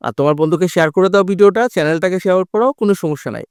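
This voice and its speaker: A male teacher with a Bangladeshi accent giving an online English class. He reads rhyme lines slowly and explains each one in turn. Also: high voice, smooth, no room sound, clean studio sound. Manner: explains each rhyme line in slow English, then translates.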